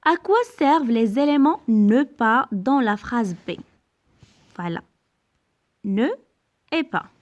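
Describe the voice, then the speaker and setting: A woman teacher giving a grammar lesson, speaking slowly and deliberately, repeating sentences and exaggerating the rise on questions. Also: a little high, lively intonation, lo-fi sound. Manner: slow and deliberate, repeating and translating each sentence; exaggerated rising intonation on questions. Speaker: French teacher.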